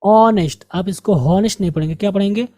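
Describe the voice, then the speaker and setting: Her voice is mid-range, mellow and dark, with lively intonation, as she teaches English grammar and vocabulary in an Indian Urdu-speaking accent. She moves deliberately from word to word, saying each one twice for pronunciation practice. It's captured up close and dry, without any room sound.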